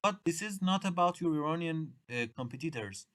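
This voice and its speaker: A middle-aged Iranian man, a native Persian speaker with a Persian accent, lectures students at a workshop for an English exam. He speaks haltingly, restarting and repeating phrases with uneven grammar, in a slightly high, animated, fairly bright voice.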